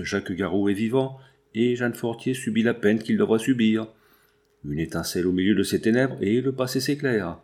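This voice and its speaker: A wealthy middle-aged schemer speaks in a tense, hushed way, urgent and afraid of being found out, as a man reads him aloud. The voice stays close to an ordinary reading voice. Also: fairly low pitch, close to an everyday voice.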